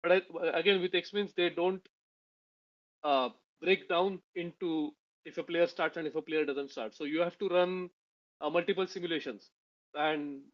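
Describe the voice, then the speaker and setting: A man with a fairly high voice, co-hosting a podcast and reasoning steadily through his points. His sound is very dry, with no room in it, and slightly muffled. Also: steady tone, normal speed, no room sound. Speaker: podcast co-host. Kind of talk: casual analytical chat.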